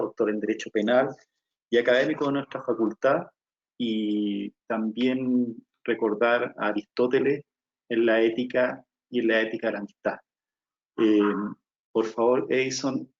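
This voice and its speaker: A man's voice: medium pitch, creaky, breathy edge, dull audio. A man moderating a book presentation, courteous and introducing the author with some hesitant fillers. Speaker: event moderator. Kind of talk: formal moderation.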